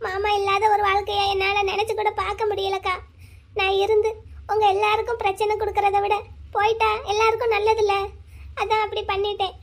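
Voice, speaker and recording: A very high, thin cartoon voice of a lovesick young woman. She pleads and clings stubbornly in a small, childlike tone. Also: completely flat delivery, fairly quick. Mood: sulking. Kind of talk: cartoon voice acting.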